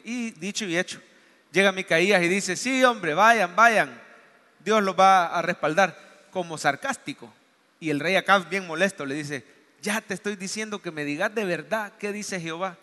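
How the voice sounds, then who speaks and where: Male pastor, high bright voice, lively preaching in a church with long reverb. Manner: animated storytelling, acts out dialogue. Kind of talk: sermon.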